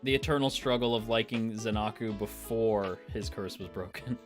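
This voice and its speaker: A man's voice: fairly low pitch, moderate pace, faint music behind. A man co-hosting a casual chat, enthusiastic and rambling, laughing often. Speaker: co-host.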